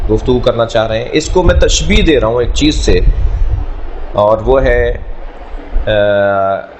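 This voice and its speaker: A man teaching a class, speaking in a measured way, repeating key words and explaining through everyday analogies. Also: mid-range voice, a little hiss or hum. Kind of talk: classroom lecture.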